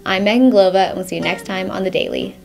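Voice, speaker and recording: A woman's voice: medium pitch, fast, vocal fry, over music. Giggly young woman flubbing anchor lines. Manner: giggly, self-mocking, trips over words. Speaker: student sports news anchor. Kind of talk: news-desk reading with bloopers.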